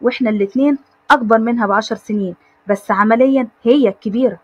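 A woman's voice: a little high, fast talker, breathy edge, muffled recording. A woman voicing a joking man of about thirty in an Egyptian accent. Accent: Egyptian Arabic. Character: man around thirty, joking twin brother.

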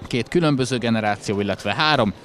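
A man's voice: medium pitch, fairly bright tone. A man doing chatty live handball commentary with wry asides. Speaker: sports commentator. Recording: crowd noise in sports hall. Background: crowd in a sports hall.

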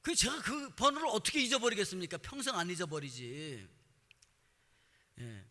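A middle-aged man as pastor, giving a conversational sermon and telling stories in a lively way, often dropping short affirming words. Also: high voice, moderate pace. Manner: animated storytelling with frequent affirming interjections. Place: church sanctuary. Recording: reverberant hall.

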